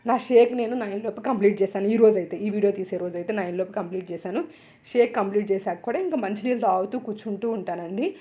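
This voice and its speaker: A woman in her thirties, a wellness coach, chatting loudly and energetically in a casual vlog. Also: mid-range voice. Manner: loud, fast, energetic chatter.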